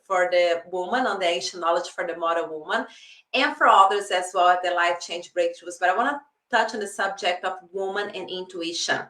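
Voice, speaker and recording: A woman life coach talks earnestly in a casual teaching monologue, her carrying a lilt. Her voice is bright and forward, and she now and then acts out her own inner dialogue. She sounds set back from the microphone in a roomy, echoing space. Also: medium pitch. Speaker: life coach hosting a live stream. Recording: echoey room, voice from a distance.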